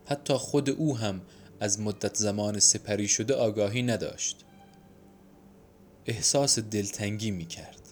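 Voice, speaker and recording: Somber, low-voiced male audiobook narrator. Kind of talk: scripted literary narration. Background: soft instrumental music.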